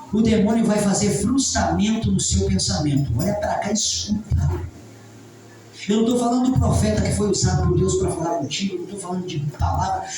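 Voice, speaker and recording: A male preacher delivering a fervent sermon that builds up to shouting. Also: high voice, slight background noise. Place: church hall. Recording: very echoey, distant mic, faint music.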